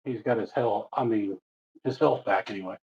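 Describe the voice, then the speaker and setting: A man's voice: on the low side, moderate pace, a little mellow. Man player on a dull, lo-fi mic. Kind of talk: casual chat at the game table.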